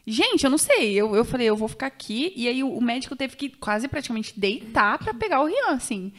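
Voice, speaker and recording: A young Brazilian woman guest on a podcast, telling a story in an animated, chatty way with many fillers and restarts. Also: on the high side, a little fast. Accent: Brazilian Portuguese. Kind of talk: casual chat.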